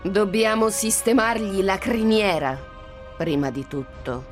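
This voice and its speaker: Donna che interpreta la Strega Bianca, beffarda e lenta. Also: female voice, mid-range voice, animated, unhurried, faint music behind, close to an everyday voice. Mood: commanding. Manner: mocking, venomous, triumphant. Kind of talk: radio drama reading.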